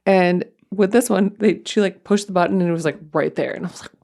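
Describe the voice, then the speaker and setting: Chatty creaky-voiced woman co-host. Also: fairly low pitch, fast, mellow. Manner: rambling, chatty, many fillers. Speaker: podcast co-host, mother. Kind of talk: casual chat.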